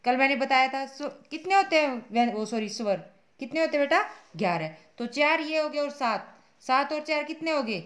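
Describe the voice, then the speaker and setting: A woman's voice: sits high, expressive, moderate pace, a bit bright. A woman teaching a Hindi grammar class online, who asks her students questions and answers them herself, calling them "beta" and repeating each point patiently. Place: school classroom.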